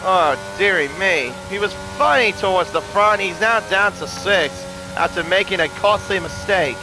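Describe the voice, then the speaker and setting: A man commentating live on a motor race as a motorsport commentator, excitable on the action and chatty in between. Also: high-pitched, moderate pace, over music, poor audio. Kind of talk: live sim racing play-by-play commentary.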